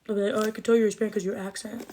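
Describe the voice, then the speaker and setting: A twenty-something woman rattles through comments on a casual livestream, rambling and chatty with many ums and likes. Her voice is medium-pitched, warm and flat, delivered rapid-fire, with a slight lisp, trouble with R sounds, and slight background noise.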